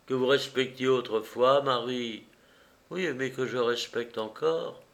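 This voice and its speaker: A man voicing a gentle, pious young woman who pleads earnestly. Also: medium pitch, measured pace. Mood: gentle pleading.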